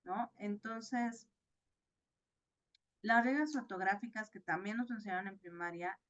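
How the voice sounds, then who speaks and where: Teacher, female, unhurried online lecture, dull lo-fi call audio, keeps checking in with the class. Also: mid-range voice, fairly bright tone. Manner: explains slowly, checks in often with "¿ok?" and "¿no?". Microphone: video call.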